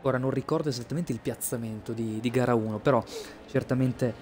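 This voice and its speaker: A man's voice: medium pitch, fairly even intonation, brisk, a little mellow, soft background music. A man giving casual live sim racing commentary as a streamer, hesitating and repeating words as he goes. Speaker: esports race commentator and streamer.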